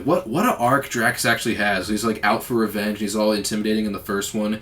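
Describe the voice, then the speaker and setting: A man's voice: lowish voice, a bit bright. A young man giving a casual, enthusiastic spoken movie review, rambling with lots of fillers.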